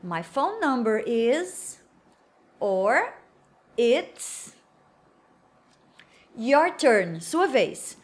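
Slow-speaking Brazilian woman teacher. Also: fairly high pitch, sing-song. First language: Portuguese. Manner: slow, drawn-out model phrases between quick explanations. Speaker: English teacher. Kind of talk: language lesson.

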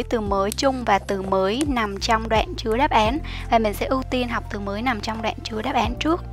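A young woman explaining study tips as a teacher, in a chatty, explanatory way with soft fillers. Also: fairly high pitch. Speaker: IELTS teacher. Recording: soft music behind the voice.

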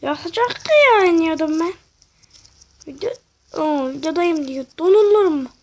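Woman gamer, high voice, excitable casual commentary, faint noise underneath. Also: normal speed. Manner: excitable, slangy, talks to herself.

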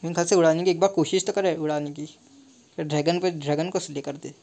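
A young man commentating his own mobile game live, excitable and talking to himself with frequent mild swearing. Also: on the high side, fast, gravelly. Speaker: gaming streamer.

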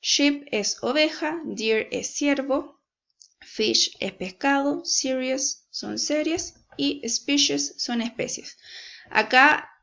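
A woman's voice: high voice, creaky, a bit bright, dull audio. A woman English teacher with a Chilean Spanish accent, giving a recorded lesson and explaining patiently, often checking in with her students. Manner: slow, patient, checks in with "¿cierto?".

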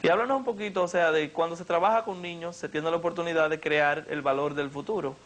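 A young man, hosting a TV interview. His voice sits a little high for a man, and he asks long, formal, winding questions in an elaborate style. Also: fairly even intonation, fast, a bit bright. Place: living room.

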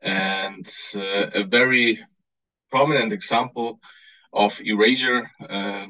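A man in his thirties from Austria speaking as a panelist on a video call, earnest and halting with many fillers. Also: on the low side, steady tone, pushed and bright, no echo, rough recording. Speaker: panelist, author. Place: home room indoors.

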